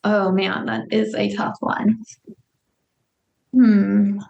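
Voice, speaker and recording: A woman's voice: medium pitch, little pitch movement, creaky, a little mellow, dull audio. A young woman from Alabama, a guest telling stories in a chatty way with many fillers. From Huntsville, Alabama. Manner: chatty storyteller, quick asides, many fillers. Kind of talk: casual interview chat.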